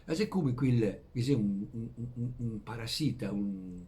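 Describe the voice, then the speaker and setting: A man with a Venetian accent from Veneto, speaking in dialect, rambling through homespun philosophy in a halting way, repeating words and putting questions to his listeners. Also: medium pitch, animated, noisy background. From Veneto, Italy. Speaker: vlogger. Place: outdoors among flowers in early morning.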